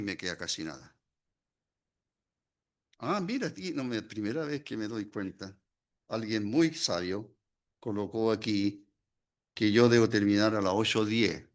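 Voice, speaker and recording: An older man with a Chilean Spanish accent preaching a sermon, lively and full of questions to the audience. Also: medium pitch.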